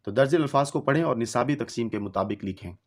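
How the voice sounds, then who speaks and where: A man teaching an English textbook exercise, reading each English line slowly and then explaining it in Urdu. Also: mid-range voice, expressive.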